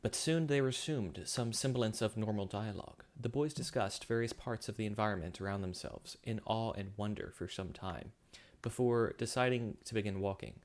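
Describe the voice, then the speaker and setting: A man's voice: on the low side, normal speed. A man reading his own science fiction story aloud, with occasional slips and self-corrections. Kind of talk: story narration.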